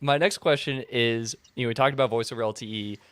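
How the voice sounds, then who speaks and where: A man's voice: mid-range voice, steady tone, quick pace, fairly bright tone. A man hosting a podcast, upbeat, asking a guest direct questions. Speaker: podcast host.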